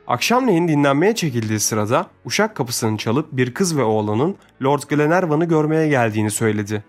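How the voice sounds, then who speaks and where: A man narrating an adventure novel in a steady storytelling manner. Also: mid-range voice. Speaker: audiobook narrator. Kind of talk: scripted narration.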